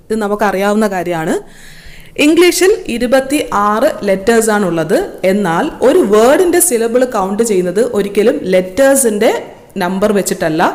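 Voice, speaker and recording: A woman's voice: a little high, a little mellow. A woman with a Malayali accent giving a patient, step-by-step English grammar lesson over slides. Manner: patient, explains step by step with worked examples.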